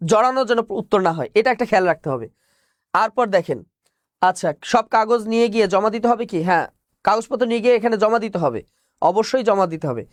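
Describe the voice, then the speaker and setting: A man's voice: high-pitched, no echo. Male tutor, exam coaching, repeats key points, dry close recording. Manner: explains point by point, repeats key phrases, asks and answers his own questions. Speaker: teacher. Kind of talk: online exam-prep class.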